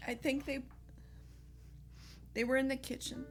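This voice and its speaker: A woman's voice: sits high, flat delivery, measured pace, faint music behind, pitched above the performer's own voice. A woman voicing a frightened young child who pleads and calls for her parents. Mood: scared. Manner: panicked, pleading.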